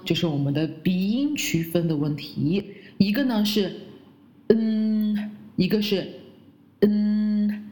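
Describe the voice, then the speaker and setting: A woman who speaks Chinese as her first language, teaching English pronunciation and slowly repeating the English words she models. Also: fairly low pitch, darkish tone. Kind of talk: pronunciation lesson.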